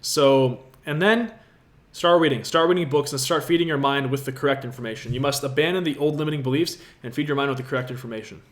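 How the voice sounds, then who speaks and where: Medium-pitched and quick, this man's voice belongs to a Latvian livestream host in his twenties. He answers viewer questions casually from an apartment room with a view of the city, talking right to his audience with upbeat, motivational energy.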